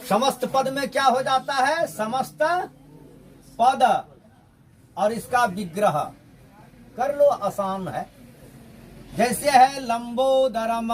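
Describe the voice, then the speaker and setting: Slow, high-voiced male grammar teacher. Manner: questioning, repeats points, drills the class. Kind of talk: classroom grammar lesson.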